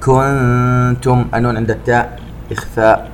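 A man's voice: medium pitch, steady tone, slight background noise. Man teaching Quranic recitation rules. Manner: recites words slowly and louder, then explains rules quickly and softly. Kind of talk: tajweed lesson, recitation with rule explanations.

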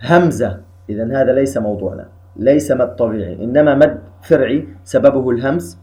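A man teaching a tajweed lesson, calmly explaining rules and slowly drawing out recited examples. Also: medium pitch. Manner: calm explanatory, slow drawn-out recitation of examples.

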